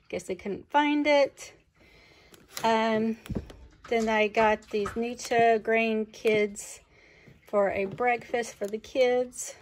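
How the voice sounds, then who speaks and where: A woman showing off her groceries in a casual home vlog, chatty and unhurried, with frequent ums. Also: fairly high pitch, darkish tone, a little hiss or hum. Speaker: vlogger, mother. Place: home kitchen.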